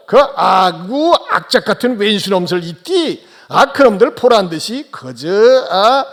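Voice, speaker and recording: A man voicing a homely older man with a South Pyongan dialect, coaxing slowly with repeated interjections. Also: high voice, pitched above the performer's own voice. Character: homely South Pyongan old man marveling at his Lord.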